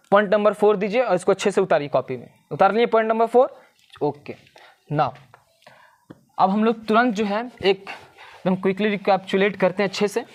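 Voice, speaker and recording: A teacher giving a grammar lesson, asking the class questions, answering them and slowly repeating each key step. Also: mid-range voice.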